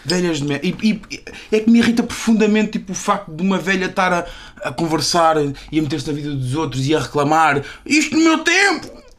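A young man with a European Portuguese accent co-hosting a casual podcast, who tells stories in an animated, ranting way. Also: a little high, quick pace, hardly any pauses. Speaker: podcast co-host.

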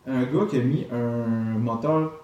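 A man's voice: mid-range voice, a little slow, mellow, muffled recording. Québécois man chatting in an echoey room. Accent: Québécois French. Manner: colloquial, slangy. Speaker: podcast co-host. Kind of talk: casual chat. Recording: echoey room, faint noisy ambience.

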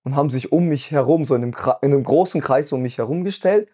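A podcast host tells a personal story in an earnest, emotional way, often checking in with his listener and filling his speech with "weißt du." His mid-range voice is mellow with a breathy edge, and he talks fast.

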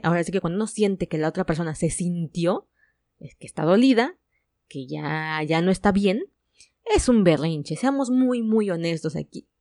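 A Mexican woman with a Mexican Spanish accent hosts a relationship advice podcast, chatting frankly and dropping in playful asides. Her voice is fairly low with a dark tone, captured in a dry, studio-quality recording.

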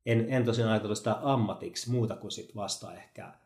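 A man from Helsinki who co-hosts a podcast, recalling his childhood in reflective, soft-spoken casual chat. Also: fairly low pitch, gravelly, echoey room. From Helsinki, Finland. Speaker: podcast co-host.

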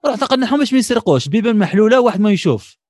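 A man with an Algerian accent talks at a very fast clip in a casual discussion, arguing with energy and stacking up everyday examples. His voice sits a little high for a man. It is recorded close and dry, with no room sound around it. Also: dry recording. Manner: animated, argumentative, many examples. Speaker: discussion participant.

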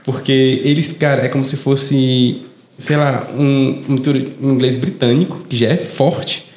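Gravelly-voiced Brazilian man telling stories. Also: mid-range voice, measured pace. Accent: Brazilian Portuguese. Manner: animated storyteller who mimics voices. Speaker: guest. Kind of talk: casual podcast chat. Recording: roomy echo, faint ambience.

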